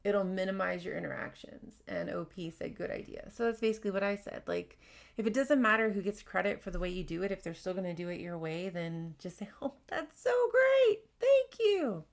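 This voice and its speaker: A woman hosting a casual advice podcast, talking fast and candidly while she reads out workplace stories and comments. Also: on the low side, vocal fry. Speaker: podcast host.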